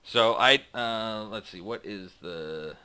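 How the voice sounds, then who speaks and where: A man narrating as game master of a tabletop role-playing game, reading out scenes slowly and dramatically and chatting casually with his players between them. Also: lowish voice, pushed and bright, smooth. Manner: slow dramatic read-aloud narration, then halting casual asides.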